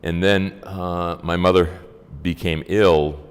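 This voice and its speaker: An elderly man shares oral history in an exceptionally deep voice. He speaks in measured, halting phrases with frequent pauses. The recording carries a long, hall-like reverb. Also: steady tone, clean tone. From Massachusetts, United States. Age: 70s or older. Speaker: interviewee.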